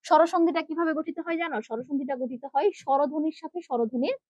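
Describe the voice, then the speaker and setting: A woman's voice: high-pitched, rapid-fire, darkish tone, dry recording, highs cut off. A young woman teaching an online grammar lesson with a Bangladeshi Bengali accent. She explains step by step and keeps checking that students follow. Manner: explains step by step, often checks with "ঠিক আছে?". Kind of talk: online class lecture.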